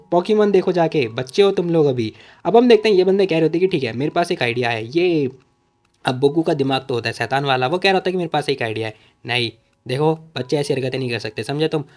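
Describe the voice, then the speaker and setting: A man casually recapping a comic story, chatty and jokey, with quick asides to listeners and voices for each character. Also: fairly high pitch. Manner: chatty, jokey, keeps calling listeners brother. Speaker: manhua recap narrator.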